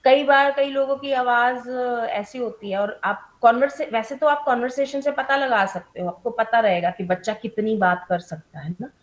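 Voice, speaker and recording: A woman's voice: on the high side, fairly even intonation, moderate pace, few pauses, rough recording. Woman trainer explaining rules step by step. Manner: mixes English terms into Hindi. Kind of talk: online training session.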